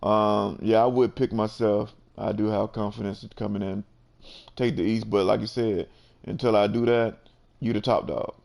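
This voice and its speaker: A man's voice: fairly low pitch, steady tone, normal speed, gravelly, a little mellow. A man hosting a casual sports chat, laid-back and peppering his talk with "you know". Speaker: host.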